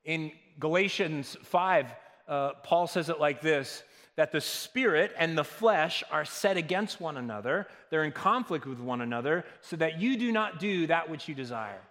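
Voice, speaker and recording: A male pastor preaching a sermon, earnest, moving between loud emphatic lines and soft, hushed ones. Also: fairly high pitch, lively intonation, normal speed, long reverb tail. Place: church.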